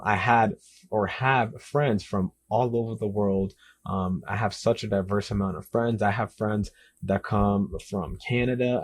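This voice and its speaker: A young man talks through questions about his writing with eager, rambling enthusiasm, piling up words like "literally." His voice is husky and sits a little low. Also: darkish tone. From Dominican Republic and the US Northeast and South. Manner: enthusiastic, repetitive, lots of "literally" and "like". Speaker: author answering interview questions. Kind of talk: casual self-interview Q&A.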